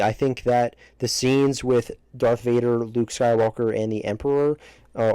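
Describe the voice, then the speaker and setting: A man with a fairly dark, mellow voice reviews films in a casual, opinionated way. He speaks emphatically but haltingly, cutting into his own sentences as he goes. The sound is close and dry, right up on the mic. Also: medium pitch, no room sound, rough recording. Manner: halting, self-interrupting, emphatic. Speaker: movie reviewer ranking films. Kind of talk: casual opinionated video commentary. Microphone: close microphone, breaths hitting it.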